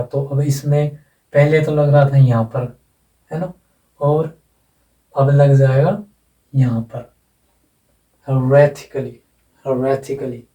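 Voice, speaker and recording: A man's voice: mid-range voice, dark tone. A man teaching phonetics, explaining step by step, repeating words and spelling them out letter by letter. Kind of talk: blackboard lesson explanation. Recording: echoey room, voice from a distance.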